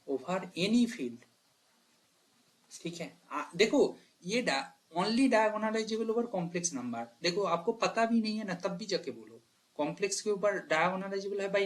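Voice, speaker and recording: Math teacher talking students through problems. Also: male voice, fairly high pitch. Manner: talks to students directly, "bhai" and "clear?", thinks aloud and corrects himself. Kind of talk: exam problem walkthrough lesson.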